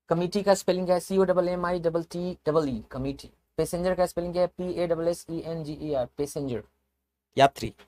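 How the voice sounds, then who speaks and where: A man with a slightly high, somewhat mellow voice gives a classroom lecture on English vocabulary. He works through it step by step, spelling words letter by letter and repeating them.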